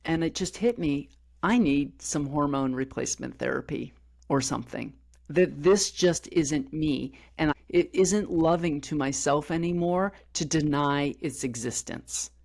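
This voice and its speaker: A woman's voice: low-pitched, a little slow, vocal fry, darkish tone. A middle-aged woman co-hosting a podcast, speaking openly and personally, and often acting out bits of dialogue as she tells her stories. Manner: open, personal storytelling with frequent reenacted dialogue. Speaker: podcast co-host. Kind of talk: candid podcast conversation.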